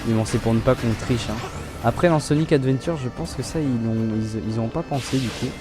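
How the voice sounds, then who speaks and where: A man's voice: mid-range voice, fairly quick, over music. Chatty man commenting on his gameplay. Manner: chatty, relaxed, often restarts his sentences. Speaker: let's play host.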